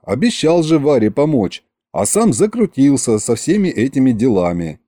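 Lively, wry male audiobook narrator. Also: mid-range voice, moderate pace, dry recording, studio quality. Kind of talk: scripted narration.

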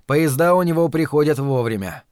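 A man's voice: fairly high pitch, expressive, brisk, a little mellow, no echo, clean studio sound, natural voice. A man voicing a tired, wary prisoner who questions things dryly.

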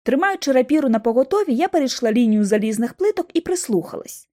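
A woman narrating an audiobook in the first person, with expressive storytelling and dramatic pauses. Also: high-pitched.

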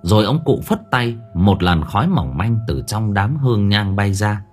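A man narrates an audio novel with a husky, lowish voice. His delivery is expressive, with lively pitch movement. Soft music plays faintly beneath him. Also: moderate pace.

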